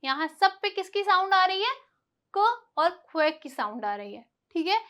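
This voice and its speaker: A woman's voice: extremely high pitch, big pitch swings, moderate pace, a bit bright. A woman teaching English letter sounds, asking questions and answering them herself, spelling words out letter by letter. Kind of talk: classroom lesson.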